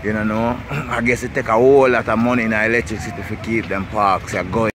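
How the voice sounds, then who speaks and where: A man with a low, steady voice and a Jamaican accent gives a fairly quick, rambling walking-tour commentary in Rasta speech. He leans on repeated tags like "see," "you know," and "blessed love." Shot on a handheld camera in a city park alongside busy streets, the sound is noisy and full of traffic.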